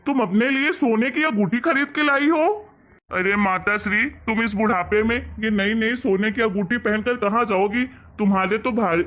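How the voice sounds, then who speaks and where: A man's voice: sits high, pushed and bright. A man voicing an angry grown son in a cartoon story, scolding and mocking as he talks. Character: angry grown son scolding his mother over money. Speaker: cartoon character. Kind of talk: Hindi cartoon story voice acting.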